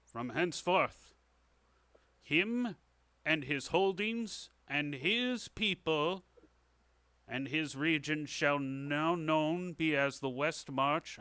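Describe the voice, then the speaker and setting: A man's voice: fairly high pitch, slow, pushed and bright, no room sound. A man voicing a stately king who speaks in a solemn, ceremonial way in a tabletop game. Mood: regal.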